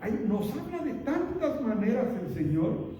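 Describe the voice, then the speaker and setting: A man with a high, mellow voice preaches to his congregation, calling them brothers again and again and putting rhetorical questions to them. He sounds distant from the microphone, and his words ring on through a long, echoing church hall. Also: very animated, a little slow, slight background noise. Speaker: pastor. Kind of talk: sermon. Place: church sanctuary. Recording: echoey church hall picked up from far off.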